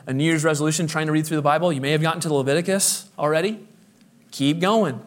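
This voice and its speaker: A man pastor delivering a sermon with emphatic preaching, his voice swelling and dropping for effect, with the occasional hesitant filler. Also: a little high.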